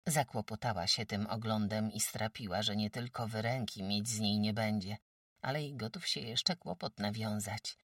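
A woman with a low, husky voice reads a classic novel in a steady, measured way. The sound is dry and close, though the mic sits a little distant. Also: no room sound. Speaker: audiobook narrator. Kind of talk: scripted narration of a classic novel.

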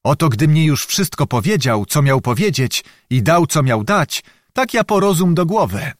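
A man's voice: fairly high pitch, very animated, normal speed, no room sound, studio quality. A man voicing a shrewd, phlegmatic young male servant who tells his story in a sly, matter-of-fact way. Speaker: storyteller within the tale.

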